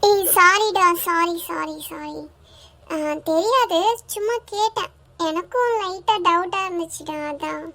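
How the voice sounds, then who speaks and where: A woman voicing a loud nosy girl friend. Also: very high voice, a little slow, exaggerated voice. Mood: apologetic.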